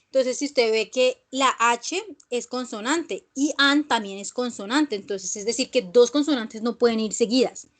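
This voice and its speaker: Patient woman teacher, high voice. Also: normal speed, fairly bright tone. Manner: patient, repeats points with frequent "¿sí?" checks. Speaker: English teacher. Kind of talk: online class explanation.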